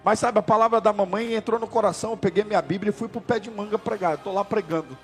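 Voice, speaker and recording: A man's voice: fast, faint music behind. Brazilian man preaching a testimony sermon. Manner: storytelling preacher, swells loud and high at climaxes. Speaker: pastor.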